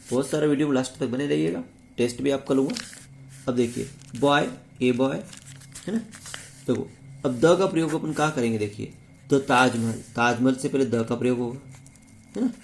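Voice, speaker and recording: A man's voice: mid-range voice, lively intonation, normal speed, creaky, pauses often, slight background noise. A man teaching English grammar in a video lesson, speaking with a Hindi accent and repeating key words as he asks rhetorical questions. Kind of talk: classroom-style video lesson.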